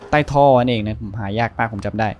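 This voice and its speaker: A man's voice: mid-range voice, fast, a little mellow, dull audio. A man hosting a let's-play, chatting casually over gameplay, laughing often and repeating words as he plays.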